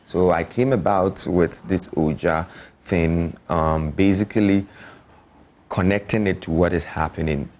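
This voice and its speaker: Deep-voiced man explaining. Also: steady tone, unhurried, a little mellow. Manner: explanatory, often checking the listener follows. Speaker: artist. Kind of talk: casual interview talk.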